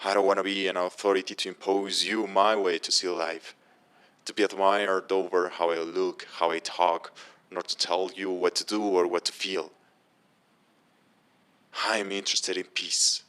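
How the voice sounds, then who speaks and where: A man delivering an earnest scripted speech in a measured, restrained way. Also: sits low, little pitch movement, fairly bright tone, clean tone. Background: music.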